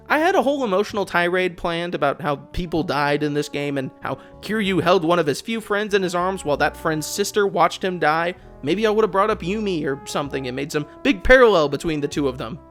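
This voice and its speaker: Exasperated and sarcastic, a channel host and video essayist rants about a video game, swearing and sharing strong opinions. The voice is mid-range and a bit bright.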